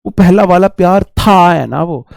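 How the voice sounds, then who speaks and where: A man's voice: sits high, unhurried, vocal fry, no echo, clean studio sound. A young man teaching grammar in a live online class, chatty and teasing, mixing Hindi and as he reads student questions aloud.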